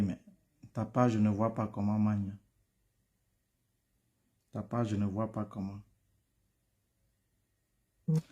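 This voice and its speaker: On a live stream about studying abroad, a weary man counsels his viewers in a lowish, dark voice. He's familiar in manner, calling people by name and saying things more than once.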